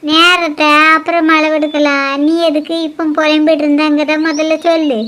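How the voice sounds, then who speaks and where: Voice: sits high, flat delivery, normal speed, a bit bright, a little hiss or hum. Someone voicing a bossy nosy village granny. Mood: scolding. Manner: scolding, prying, lecturing. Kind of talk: cartoon voice acting.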